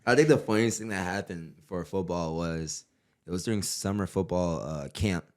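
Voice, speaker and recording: A man co-hosting a podcast, telling animated stories in casual chat and swearing freely. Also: sits low, moderate pace. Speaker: podcast co-host.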